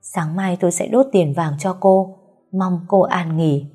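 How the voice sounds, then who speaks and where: A stern elderly mistress of a household, as a woman reading the story puts her on, with a cold, grave, threatening edge. The voice sits low and mellow with a breathy rasp. Soft music plays faintly behind. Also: steady tone, unhurried.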